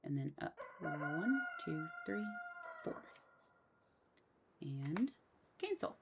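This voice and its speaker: Woman, low and gravelly, unhurried tutorial voice-over, counts steps aloud, busy key clicks behind. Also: sing-song, background noise. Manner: counts steps aloud under her breath. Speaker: game building tutorial host. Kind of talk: casual step-by-step voice-over. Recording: loud mouse and keyboard clicks.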